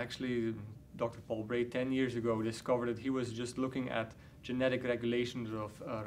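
A man in his thirties from Belgium, a researcher explaining his work in a measured way with many fillers, at a conference interview. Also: mid-range voice, slight background noise. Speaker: award-winning researcher, interviewee. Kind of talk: scientific interview. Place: conference interview booth, indoors.

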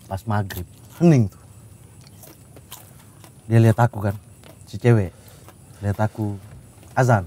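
A man's voice: lowish voice, steady tone, a little slow, long pauses, dark tone. A man telling a story in casual chat-show banter, laughing often and swearing casually.

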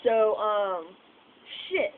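Chatting for her vlog by a house porch at night, a young woman speaks at medium pitch with lively intonation, drawing out her words. Her talk wanders, packed with fillers and a stray curse. The distant phone camera makes the outdoor sound tinny and noisy.

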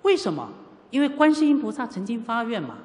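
A middle-aged Buddhist teacher from Taiwan preaches with lively rises and falls in pitch. The teacher acts out dialogue and keeps asking the listeners rhetorical questions. A long hall reverb trails every phrase. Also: fairly quick. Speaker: Buddhist teacher giving a sutra lecture. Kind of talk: sermon with personal storytelling. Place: lecture hall at a Buddhist centre.

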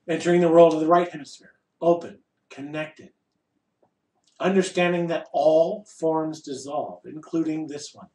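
A man with a fairly high voice speaks as a spiritual teacher to a group in an echoey room. He is wry and emphatic, breaking his thoughts into short phrases with deliberate pauses. The voice sits a little way from the microphone. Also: steady tone, warm tone. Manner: wry and playful, asks and answers rhetorical questions. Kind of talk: informal spiritual discourse to a group. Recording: echoey room, voice distant from mic.

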